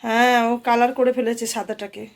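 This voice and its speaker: A woman's voice: a little high, level tone, fairly quick, creaky, a little hiss or hum. A young Indian woman vlogging casually at home, chatting to her viewers as friends and coaxing her toddler in playful baby talk.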